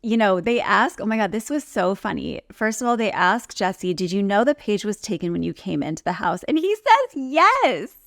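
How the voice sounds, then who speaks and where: Creaky-voiced woman chatting on a recap podcast. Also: medium pitch, fairly quick, hardly any pauses, no echo, studio quality. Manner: conversational, acts out quotes in reported speech. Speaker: podcast co-host recapping reality TV. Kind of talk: casual chat, TV recap commentary.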